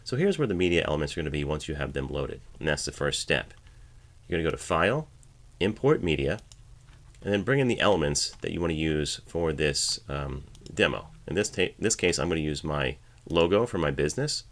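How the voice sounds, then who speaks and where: His voice rumbles low yet sounds fairly bright, with lively intonation and a slightly quick pace. The man, a voiceover artist, casually narrates each step of an instructional screencast from his home studio's editing station.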